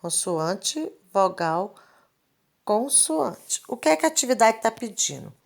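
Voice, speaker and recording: Woman teacher, unhurried screen-recorded lesson, repeats each point patiently, mid-pitched voice. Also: big pitch swings, gravelly. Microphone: screen recording, device mic.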